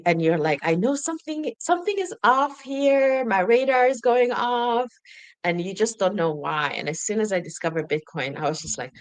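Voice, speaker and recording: A woman from Sudan chatting casually on a podcast, animated, laughing often and acting out her own thoughts. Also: medium pitch, dry recording. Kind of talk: casual conversation.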